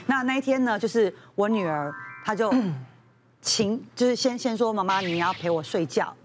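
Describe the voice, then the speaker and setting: A woman's voice: medium pitch, lively intonation, moderate pace, faint music behind. A woman on a talk show panel, telling a hesitant personal story. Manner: hesitant, restarts with fillers.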